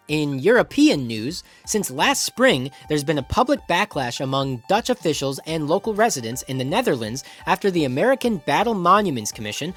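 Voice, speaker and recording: A comedy news host delivering a sarcastic, crude satirical news monologue with mock-spooky asides. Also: mid-range voice.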